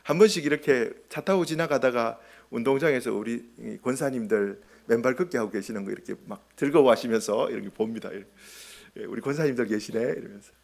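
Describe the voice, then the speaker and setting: A man's voice: a little fast, creaky. A man preaching as a pastor, emphatic, asking his congregation rhetorical questions and acting out short quoted lines. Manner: acts out short quoted lines with swings in pitch and loudness. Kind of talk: sermon.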